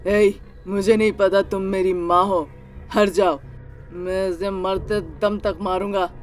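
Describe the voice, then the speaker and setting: An actor voicing a cruel, drunken husband who threatens slowly and menacingly in a cartoon story. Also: mid-range voice, fairly even intonation, soft background music, close to an everyday voice. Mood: threatening. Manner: slow, menacing.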